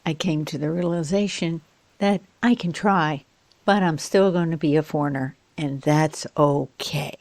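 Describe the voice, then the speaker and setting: A woman teaching an online pronunciation lesson as an accent coach, in a slow, deliberate, encouraging way. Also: deep voice, a little mellow, dry recording.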